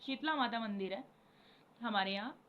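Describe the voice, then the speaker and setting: A woman's voice: on the high side, moderate pace. A tired young woman talking casually and rambling to her viewers about devotion, mixing English words into her Hindi and chanting repeated syllables now and then. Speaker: spiritual vlogger. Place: home. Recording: dull lo-fi recording with faint background noise.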